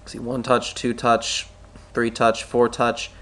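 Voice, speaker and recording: Speaking slowly in a monotone, this man has a mid-range, fairly bright voice. He's a stock market analyst, congested and clearing his throat, who thinks aloud through a screen-recorded chart tutorial and frequently corrects himself while drawing.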